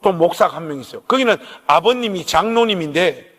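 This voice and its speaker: A middle-aged pastor with a Gyeongsang Korean accent delivers a storytelling sermon, his voice pitched notably high. He talks straight to the pews in a lively, animated way. A long reverb from the church sanctuary trails every phrase. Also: brisk. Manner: animated storyteller, addresses the congregation directly.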